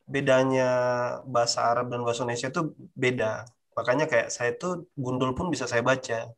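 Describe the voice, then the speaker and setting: A man's voice: mid-range voice, steady tone, brisk, a bit bright. Man, medium voice, firm explainer who repeats key phrases. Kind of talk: explanatory panel discussion.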